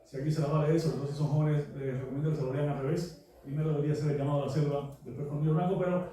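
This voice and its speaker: A man, a novelist presenting his book, telling anecdotes in a relaxed way with lots of fillers. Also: on the high side, racing. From Cuba. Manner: relaxed storytelling with frequent fillers. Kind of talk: anecdotal talk at a book launch. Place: book presentation venue, large room. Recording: very echoey room, mic far off.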